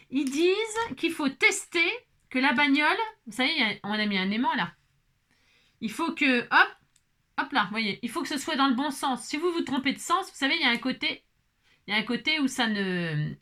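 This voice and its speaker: A woman's voice: sits high, sharp tone. A woman vlogging casually as she assembles a craft kit, chatting to viewers, exclaiming and muttering to herself when pieces go wrong.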